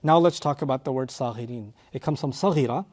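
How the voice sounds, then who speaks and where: A man giving a tafsir lecture, explaining Arabic grammar with animated rises in emphasis, on a lapel mic. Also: medium pitch, fast. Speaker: Quran teacher.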